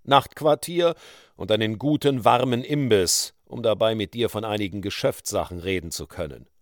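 A suave male outlaw speaks low and unhurried, calm and quietly threatening, as a man puts him on. The sound is dry and close. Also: no echo, close to an everyday voice. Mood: menacing. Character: smooth menacing male outlaw, coolly persuasive.

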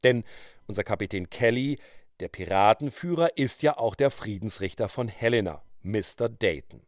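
Lively male storyteller. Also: fairly low pitch, moderate pace, dry recording, clean studio sound. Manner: lively, expressive reading. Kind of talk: storytelling narration.

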